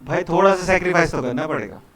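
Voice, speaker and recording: Casual teacher addressing a class. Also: male voice, a little high, lively intonation, fast, a bit bright. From India. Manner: casual, repeats "ठीक है" and "भाई", coaxing students. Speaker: programming teacher. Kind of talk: live classroom lecture.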